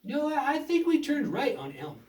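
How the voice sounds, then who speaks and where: Performer as a young boy puppet, cheerful, trusting, reassuring, lively intonation, children's show, distant echoey mic. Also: high voice, moderate pace. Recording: roomy echo, distant mic.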